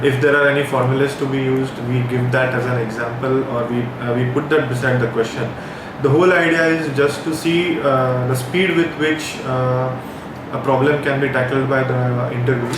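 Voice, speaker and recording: A man with a Marathi Indian accent answers interview questions in a halting, explanatory way. His intonation stays quite flat. He sounds distant in a very reverberant room, with clear noise behind him. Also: medium pitch. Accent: Marathi-accented Indian English. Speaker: company interviewee, tech employer. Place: echoey indoor room. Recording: very echoey room, distant mic, background noise.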